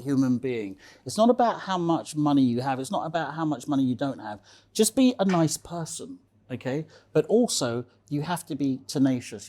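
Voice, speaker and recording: Here a man with a dark, mid-range voice is a relaxed interview guest, emphatically recounting anecdotes. He repeats phrases and keeps adding "okay?" to check in with the listener.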